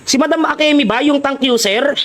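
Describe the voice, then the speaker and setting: A man's voice: very high voice, fairly quick, fairly bright tone. A man with a Filipino accent giving playful, teasing commentary while live-streaming a game and greeting his viewers.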